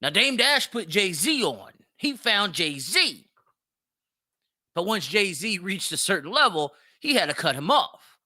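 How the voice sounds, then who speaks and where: This solo celebrity-news show is hosted by an American man whose voice is high, very forceful, sing-song and slow, with pitch that moves around a lot. His opinionated delivery is profane, slangy and blunt, packed with repeated points and rhetorical questions.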